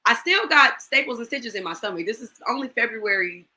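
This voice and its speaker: A woman in her forties appears as a guest on an online talk show, giving personal testimony in a bright, forceful, animated voice on the high side. She speaks fairly quickly, tells her own story with feeling, and acts out the lines of the people in it. The recording is rough.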